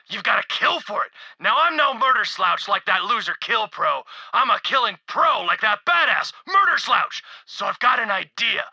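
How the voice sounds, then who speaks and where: A dim, boastful bandit recording a scheming audio log in a video game. His voice is high and sharply bright, rattling through his plan at a quick clip. The audio is slightly dull. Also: vocal fry, dry recording, full character voice. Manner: fast, scheming, rambling monologue. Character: dim, boastful bandit man sneaking into an arena.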